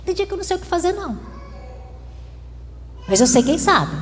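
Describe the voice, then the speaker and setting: A woman's voice: very high voice, big pitch swings, fairly quick. A woman pastor with a Brazilian Portuguese accent, preaching a sermon with bursts of emphasis and playful asides. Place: church. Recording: long reverb of a church hall.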